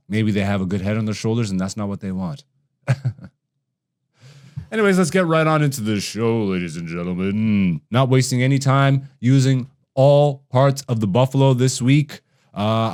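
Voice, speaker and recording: A man's voice: medium pitch, darkish tone. A young man hosting a podcast, a comedian chatting loosely and laughing often. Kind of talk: casual podcast chat.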